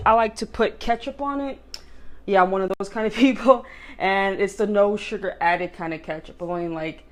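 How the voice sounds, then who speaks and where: Giggly, chatty young woman food vlogging. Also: mid-range voice. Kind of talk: casual food vlog chat. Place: in her car, then at home.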